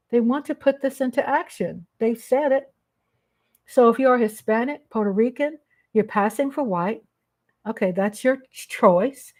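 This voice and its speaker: A woman's voice: fairly high pitch, darkish tone. A woman hosting her own live-stream vlog, speaking off the cuff in a blunt, emphatic way with casual swearing. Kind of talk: unscripted live commentary.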